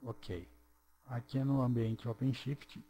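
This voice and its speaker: A man narrating a screen-recorded programming tutorial, walking through each step slowly and checking in with "ok?". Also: mid-range voice, steady tone, warm tone, breathy edge. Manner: slow, step-by-step, checks in with "ok?" and "certo?".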